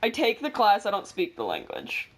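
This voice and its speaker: A woman's voice: medium pitch, huge pitch swings, normal speed. A teenage girl co-hosting a podcast in casual chat, rambling, correcting herself mid-sentence and joking. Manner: rambling, self-correcting, jokey. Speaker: podcast co-host.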